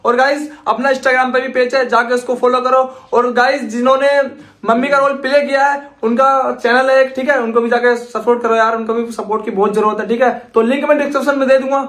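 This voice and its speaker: Loud, scolding comedy-sketch man. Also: very high voice, flat delivery, fairly quick. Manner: loud and scolding, rough slang. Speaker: comedy channel creator. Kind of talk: comedy sketch acting and channel outro.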